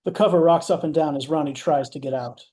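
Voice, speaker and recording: A man's voice: on the high side, fast, warm tone. A man narrating stage directions in a matter-of-fact way, with wry asides. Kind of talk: scripted narration.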